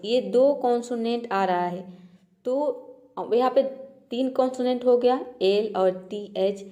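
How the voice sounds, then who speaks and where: A woman's voice: fairly high pitch, warm tone. A woman teaching a pronunciation lesson, explaining step by step and repeating each example patiently. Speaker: English teacher.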